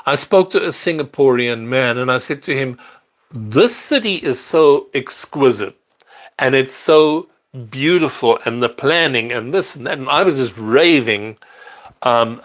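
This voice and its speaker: A man's voice: medium pitch, fairly bright tone. A middle-aged man hosting a live stream, chatting casually and answering viewer questions, rambling with fillers and restarts. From South Africa. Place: apartment in a large city.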